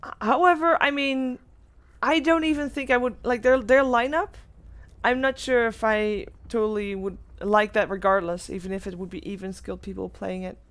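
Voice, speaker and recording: Higher-voiced woman casting esports. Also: normal speed. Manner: relaxed, hesitant with fillers. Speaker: esports commentator. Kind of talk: casual esports commentary.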